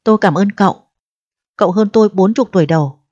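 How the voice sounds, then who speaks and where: A woman's voice: quick pace, warm tone, dry recording, lightly acted. Woman voicing a desperate young woman, pleading, reproachful, proud, dull dry recording. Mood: bitter resolve. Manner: pleading and reproachful, turning shrill when upset. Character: distressed pregnant eighteen-year-old woman, proud and desperate.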